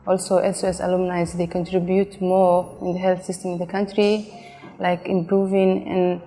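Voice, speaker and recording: A woman health official speaking slowly in a documentary interview, sometimes searching for her words. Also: fairly low pitch, level tone, warm tone, in a large hall.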